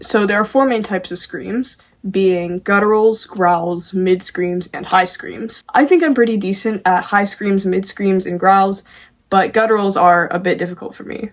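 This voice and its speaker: Woman doing a how-to video, chatty and informal, kinda self-deprecating, normal mid pitch. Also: measured pace. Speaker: amateur vocalist presenting a tutorial. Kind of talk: casual video tutorial.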